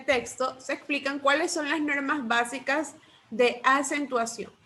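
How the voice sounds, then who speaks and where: High bright-voiced woman teacher. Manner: patient, quizzing students with repeated questions; slow deliberate dictation of rules. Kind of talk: online remedial class.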